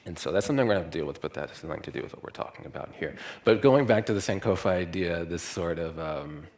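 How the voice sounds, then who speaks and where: Very deep-voiced man giving a lecture. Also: fast talker. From Louisiana. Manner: relaxed, thinking aloud with many fillers. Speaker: guest lecturer. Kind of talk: university lecture.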